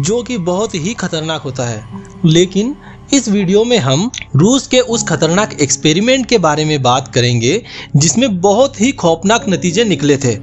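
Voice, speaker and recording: A man hosting an explainer channel, narrating a scripted story and often addressing viewers as friends. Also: sits high. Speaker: YouTube channel host.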